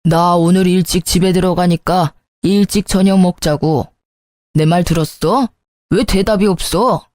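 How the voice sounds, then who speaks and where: A stern, gruff older father-in-law rebukes his wife in short, firm lines, as a woman narrator puts him on. The voice stays mellow. The sound is dry and close. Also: fairly low pitch, steady tone, a little slow, no echo, close to an everyday voice. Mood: curt. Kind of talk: storytelling voice acting.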